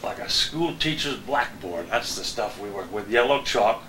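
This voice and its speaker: With a lowish, sharp-toned voice at normal speed, a veteran TV weatherman in his later years tells stories animatedly and laughs along. It's relaxed reminiscing, recorded with a roomy echo and a little background noise.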